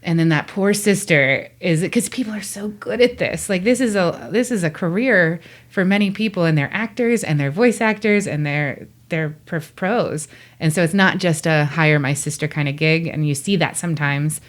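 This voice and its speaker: A woman guest telling stories in a lively way and acting out the quotes she tells. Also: on the low side, moderate pace. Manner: animated storytelling, acts out quotes. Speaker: guest, voice actor. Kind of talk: casual interview chat.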